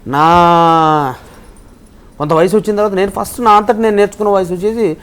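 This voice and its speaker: Slightly high-voiced male mimicry artist. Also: fairly quick, a bit bright, clear, resonant tone. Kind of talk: casual interview chat.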